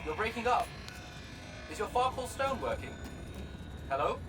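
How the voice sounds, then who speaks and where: A man's voice: very high voice, sing-song, moderate pace. An actor playing a chatty, theatrical male ally who talks through a bad connection on a magic communication stone, playfully dramatic. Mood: worried. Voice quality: playful and dramatic, teasing with grand titles. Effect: bad connection through a magic communication stone, breaking up. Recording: noisy, distant voice over a crackly link.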